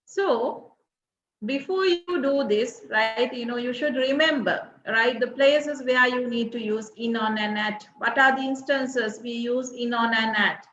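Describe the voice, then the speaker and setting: A woman's voice: on the high side, a little slow. A woman teacher giving a revision lesson, checking in with "right?" and "okay?" after nearly every point. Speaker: English teacher. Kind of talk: recorded grade-six revision lesson. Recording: roomy, dull lo-fi recording.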